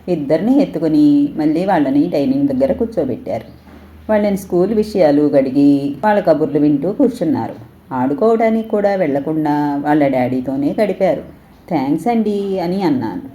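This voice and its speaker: Woman reading a story out loud, low dark voice, calm and gentle. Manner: gentle, measured first-person reading. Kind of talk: audio story narration.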